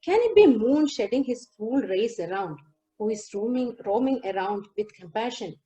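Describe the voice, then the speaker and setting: A woman giving a lecture demonstration over a video call, explaining song lyrics line by line and singing a few verses slowly. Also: a little high, expressive, dark tone, poor audio. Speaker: lecturer on Carnatic music. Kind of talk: lecture demonstration with sung lines.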